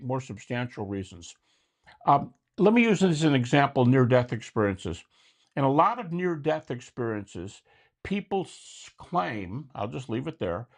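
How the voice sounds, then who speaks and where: A man's voice: mid-range voice, gravelly. A man hosting a casual discussion who explains his answers step by step. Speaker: host.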